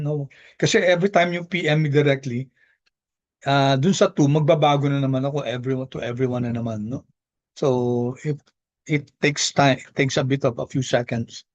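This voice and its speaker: A man's voice: mid-range voice, a little mellow, no echo, muffled recording. A man with a Filipino accent teaching an online coding class informally, often checking in with short tags. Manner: repeated check-in tags such as okay and no. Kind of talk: informal live coding lecture.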